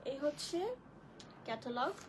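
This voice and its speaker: A high-voiced woman hosts a live online clothing sale. She chats with viewers, greets them by name and walks through each dress. A faint noise runs under the recording. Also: animated, measured pace. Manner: chatty, addresses viewers as sisters, greets commenters by name. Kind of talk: live-stream product showcase.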